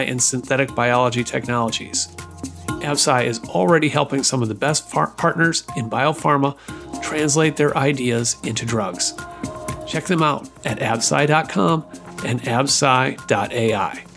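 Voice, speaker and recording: A man hosting a podcast, reading sponsor spots and then chatting with his guest in a relaxed way. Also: mid-range voice, vocal fry. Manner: brisk ad reading, relaxed chat with fillers. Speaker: podcast host. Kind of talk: read ads, then casual interview.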